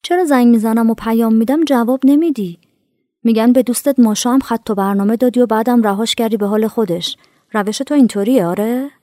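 A woman's voice: fairly high pitch, fairly even intonation, dark tone, no echo, studio quality, lightly acted. An actress playing a distressed young woman who pleads and complains to her friend in a narrated radio drama. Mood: pleading. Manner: pleading, reproachful.

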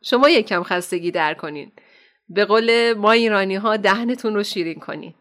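An actress as a gentle, motherly woman counselor. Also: medium pitch, natural voice. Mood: affectionate. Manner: gentle, affectionate. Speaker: counselor at an Islamic center. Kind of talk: radio drama acting.

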